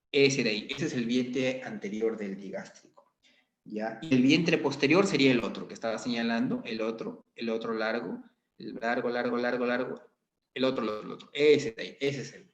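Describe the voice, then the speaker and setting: A male anatomy lecturer explains slides step by step and keeps checking in with his students. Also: medium pitch. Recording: echoey, dull lo-fi sound.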